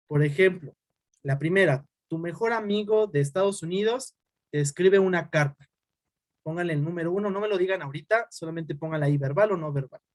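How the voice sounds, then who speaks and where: Fast-talking male teacher. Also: high-pitched, no echo. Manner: fast-talking, uses "¿sale?" as a tag. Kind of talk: online class lecture.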